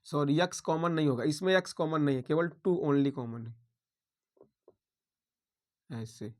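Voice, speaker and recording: High-voiced man teaching maths step by step. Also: unhurried, darkish tone. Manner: talks through each step aloud, checking in with students. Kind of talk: blackboard maths lesson.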